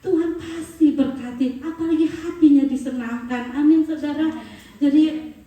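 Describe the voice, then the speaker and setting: A woman's voice: high voice, normal speed, mellow. A woman preaching a sermon as she tells a story, acting out the quoted dialogue and laughing as she goes. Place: church hall. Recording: echoey hall, voice from far off.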